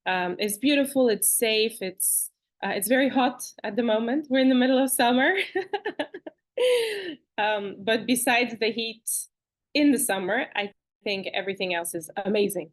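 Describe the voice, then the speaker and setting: Woman guest, fairly high voice, chatty and animated, video call, restarts often. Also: moderate pace. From Bulgaria. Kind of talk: conversational interview.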